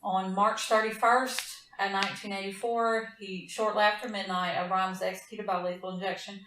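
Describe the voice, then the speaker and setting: A Southern-accented woman hosts a casual true-crime chat and reads out case notes, rambling and blunt with easy laughter. Her mid-pitched voice sits back from the mic in a roomy, echoing space. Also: little pitch movement, a little fast, fairly bright tone, far from the mic, slight background noise. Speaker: podcast host.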